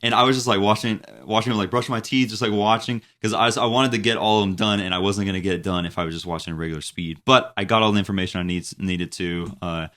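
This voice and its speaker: A young man in his twenties chats loosely as a podcast co-host, his voice sitting deep and low. He rambles along, circling back through fillers and restarts as he works out his thoughts. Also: steady tone, quick pace, hardly any pauses, sharp tone. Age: 20s. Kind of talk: casual chat.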